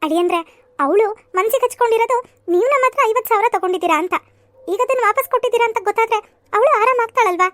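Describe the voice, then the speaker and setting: Woman voicing a shrill chatty cartoon mother. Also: racing, fairly bright tone, no echo. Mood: coaxing. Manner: chatty coaxing. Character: middle-aged mother, fussing and talkative.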